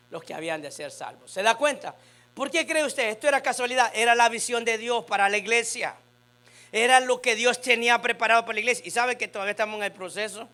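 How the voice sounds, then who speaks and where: A man, preaching a sermon in a church and speaking directly to his congregation. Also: high-pitched. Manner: animated preaching, talks straight to the congregation. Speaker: pastor. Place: church sanctuary.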